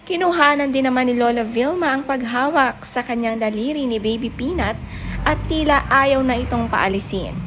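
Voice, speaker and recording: A woman's voice: high voice, moderate pace, highs cut off, background noise. A woman reading a chatty, gushing showbiz gossip narration. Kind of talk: scripted narration.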